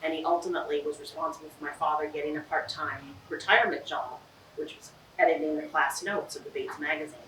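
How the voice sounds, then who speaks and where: A woman's voice: sits low, fairly even intonation, quick pace, a bit bright, echoey room, distant mic, slight background noise, poor audio. A woman adding remarks about her father at a memorial, searching for words with fillers. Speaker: family member at memorial.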